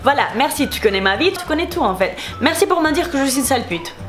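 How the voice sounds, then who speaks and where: A young Spanish woman with a high, lively voice speaks French in a Spanish accent, talking fast over soft background music. She's a beauty YouTuber in a casual vlog, answering comments in a heated, repetitive way.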